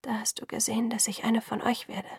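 A woman reading an audiobook, voicing an anxious young human woman who speaks in a hushed, breathy way. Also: on the high side, moderate pace, no room sound, clean studio sound, pitched above the performer's own voice. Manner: hushed and breathy, often half-whispered.

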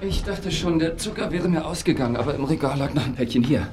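A man's voice: fairly high pitch, lively intonation, fast talker, over music, natural voice. An actor playing a stubborn male producer in an audio drama, firm and conversational. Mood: casual.

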